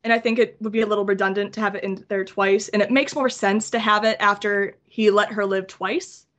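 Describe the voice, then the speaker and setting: A woman guest on a fan podcast, chatting enthusiastically in long excited runs. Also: medium pitch, a little fast. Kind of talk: casual chat.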